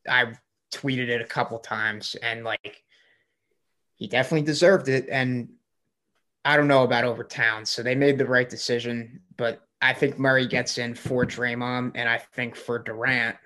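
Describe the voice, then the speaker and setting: Увлечённый мужчина, ведущий спортивного подкаста. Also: male voice, mid-range voice, fairly even intonation, moderate pace, pushed and bright. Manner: enthusiastic, rambling, many fillers. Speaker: podcast co-host. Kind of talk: casual sports chat.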